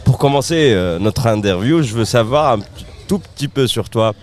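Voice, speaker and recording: A man's voice: mid-range voice, animated, moderate pace. A man hosting a radio show, asking short, friendly interview questions.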